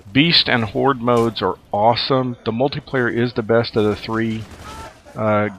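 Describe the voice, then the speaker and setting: A man's voice: mid-range voice, a bit bright. Rambling male gameplay commentator. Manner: rambling and conversational, many fillers. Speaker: gaming commentator.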